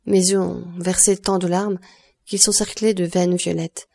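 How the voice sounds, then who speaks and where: A woman's voice: on the low side, little pitch movement, measured pace, gravelly, mellow. A woman voicing a grieving, guilt-stricken woman. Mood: sorrowful. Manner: sorrowful, pleading. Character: grieving woman of thirty-nine, broken by guilt.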